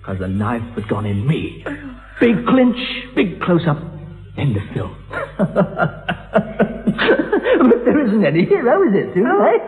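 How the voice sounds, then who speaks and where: An actor playing a deranged, taunting killer, rambling and repetitive with a childish, volatile menace. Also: male voice, high voice, huge pitch swings, slow, long pauses, exaggerated voice. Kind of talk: melodramatic film thriller acting. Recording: echoey hall, dull lo-fi, music behind.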